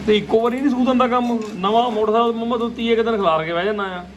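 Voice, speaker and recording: Extremely high-pitched and rapid-fire, this Punjabi-accented man keeps a steady tone while bantering playfully in a home vlog, repeating himself often. He's a family vlogger recording on a handheld phone, and the audio is noisy.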